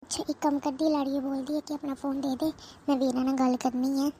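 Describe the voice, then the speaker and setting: A woman's voice: high voice, little pitch movement, quick pace, background noise. A woman voicing a worried older mother-in-law, rambling and pleading. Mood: fretting. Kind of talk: cartoon voice acting.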